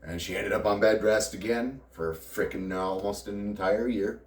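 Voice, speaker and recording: A man's voice: on the low side, steady tone, moderate pace. A middle-aged man speaking candidly and at length about his life, rambling with wry laughs. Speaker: vlogger. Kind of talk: personal confessional monologue. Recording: roomy sound, distant from mic.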